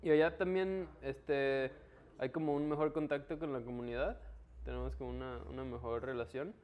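A man's voice: mid-range voice, steady tone, moderate pace, highs cut off. A man with a Mexican Spanish accent explaining things in a casual, slangy conversation. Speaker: interview guest, local trail biker.

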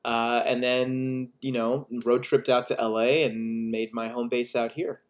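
A man in his thirties, from the United States, talking about his career as a filmmaker in a relaxed, joking way over a video call. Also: medium pitch, a little slow, soft background music. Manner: relaxed, self-deprecating humor. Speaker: filmmaker guest. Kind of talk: casual video-call interview.

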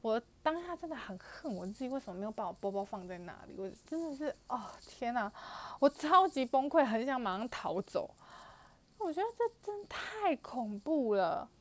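A woman's voice: a little high, sing-song, normal speed. A young woman with a Taiwanese Mandarin accent, animatedly retelling a personal story for her vlog with frequent fillers and exclamations. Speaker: vlogger. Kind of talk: storytelling to camera.

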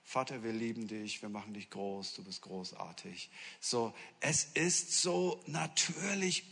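A man preaching a sermon as a pastor, telling stories in a lively, humorous way with acted-out quotes. He moves between hushed asides and sudden loud exclamations. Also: mid-range voice. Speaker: senior pastor. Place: church hall. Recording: long reverb of a large hall.

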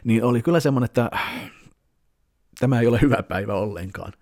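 A man in his thirties talking casually to camera, rambling with many fillers as he tells a story and quotes people in lively voices. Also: mid-range voice. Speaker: vlogger.

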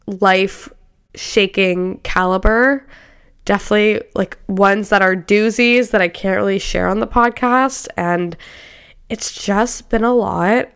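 Stuffy-nosed young woman rambling on her podcast, lowish smooth voice, says like a lot. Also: a bit bright. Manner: chatty, candid, says like often. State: congested from a cold. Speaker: podcast host. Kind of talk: casual solo podcast chat.

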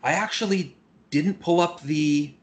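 A man's voice: on the high side, measured pace, breathy edge. A man co-hosting a casual podcast, stammering and trailing off as he talks. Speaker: podcast co-host.

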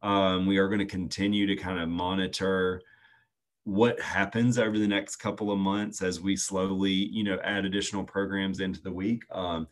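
A man, answering interview questions earnestly and at a measured pace with frequent "um" fillers. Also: deep voice, little pitch movement. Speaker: youth nonprofit staff guest.

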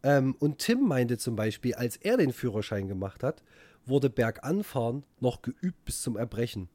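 A man hosting a casual podcast chat, talking in a halting way with repeated words. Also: mid-range voice, very animated, warm tone, no room sound. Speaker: podcast host.

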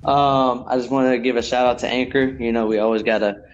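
A man co-hosting a casual podcast, talking in an easygoing, drawn-out way with many fillers. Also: medium pitch, steady tone, lo-fi sound, slight background noise. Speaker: podcast co-host.

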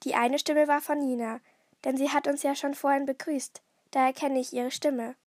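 A woman voicing an excitable young girl detective, eager and breathless. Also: high-pitched, normal speed, no room sound, studio quality, natural voice.

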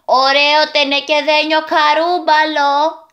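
A woman voicing cheeky little boys shouting taunts in a children's radio story. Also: high voice, level tone, dull audio, pitched above the performer's own voice. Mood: mocking. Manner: teasing, shouting.

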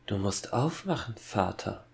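A man voicing a calm, cold young boy who quietly threatens his father in a horror fairy-tale audiobook. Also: on the low side, measured pace, gravelly, full character voice. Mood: cold menacing.

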